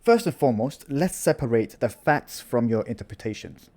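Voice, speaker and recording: A man hosting his own channel, giving a measured, lecturing commentary in reply to another video. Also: medium pitch, animated, a little mellow. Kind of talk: argumentative commentary.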